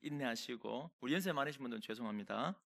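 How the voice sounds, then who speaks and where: Male pastor, middle-aged, sermon delivery; lively swooping pitch, bright forceful tone, dramatizes quotes. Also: fast talker, gravelly. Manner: animated storytelling, acts out quoted voices. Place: church sanctuary.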